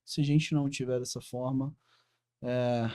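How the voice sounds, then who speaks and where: A Brazilian man who is a guest on a podcast, speaking earnestly and pausing to find his words. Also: mid-range voice, level tone, over a noisy crowd. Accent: Brazilian Portuguese. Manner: earnest, thinks aloud with hesitations. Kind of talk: conversational interview.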